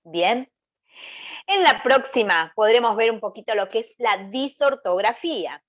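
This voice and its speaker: A woman's voice: fairly high pitch, expressive, measured pace. A woman giving an online lecture over slides, explaining through rhetorical questions and checking with "¿sí?". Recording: slightly dull lo-fi recording.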